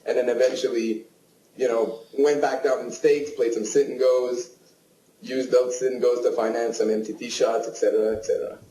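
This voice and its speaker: A man's voice: mid-range voice, level tone, normal speed, mellow, echoey room, slight background noise, low-quality recording. A Canadian man, a poker player guest, telling his story frankly and plainly. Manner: frank, storytelling with self-deprecating asides. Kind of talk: casual interview answers.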